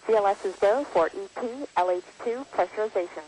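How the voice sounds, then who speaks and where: Brief: quick male control-loop voice, distant, over a hissing, breaking-up radio channel. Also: high voice, a little mellow. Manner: rapid clipped procedural callouts. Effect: hissy, breaking-up radio transmission. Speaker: launch safety and control officer. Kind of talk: launch radio loop calls.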